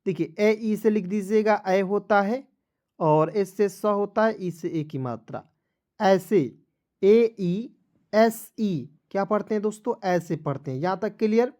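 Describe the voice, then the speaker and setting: A male teacher gives an online reading lesson. He sounds out each word letter by letter at a careful pace and often pauses to ask whether his viewers are following. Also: high voice, a little mellow. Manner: spells out letters slowly, often checks if viewers understand.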